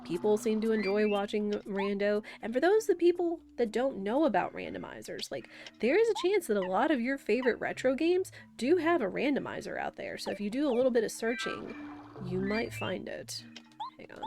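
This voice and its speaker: A young female gaming streamer, nasal and congested from a cold, gives rambling, filler-packed live-stream commentary. Her voice sits on the high side, a little mellow, very animated and fairly quick. Game music can be heard in the background.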